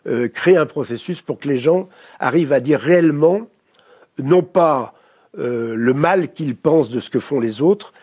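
A French man with a French accent, a therapist speaking as a guest in an interview, reflective and pausing often to search for words. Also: a little high, a little mellow, husky. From France. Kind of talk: studio interview.

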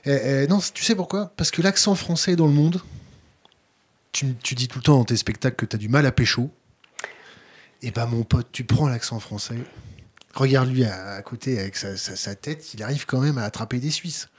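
A man from France with a French accent and a slightly husky voice. He runs the interview casually, throwing in teasing jokes between his questions. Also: medium pitch, moderate pace.

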